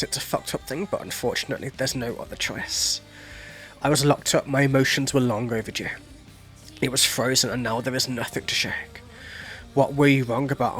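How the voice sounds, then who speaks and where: Hosting a music reaction channel, a man explains song lyrics in loose, casual commentary. His average-pitched voice is a bit bright, and he swears freely, filling gaps with "like" and "you know."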